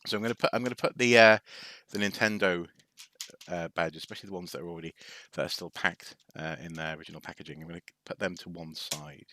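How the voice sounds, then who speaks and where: Deep-voiced man rambling over his collection. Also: fairly even intonation, fast talker, bright, forceful tone. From North Wales. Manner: hesitant, lots of ums and restarts, wry asides. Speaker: live streamer. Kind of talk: casual rambling show-and-tell.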